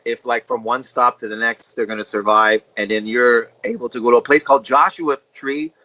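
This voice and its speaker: A man's voice: medium pitch, fairly even intonation, fairly quick, bright, forceful tone, no echo, lo-fi sound. A man comedian teasing a friend in rambling comedic banter over a video call, packing his talk with "like". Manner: rambling, teasing, heavy use of filler "like". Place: indoor room at home.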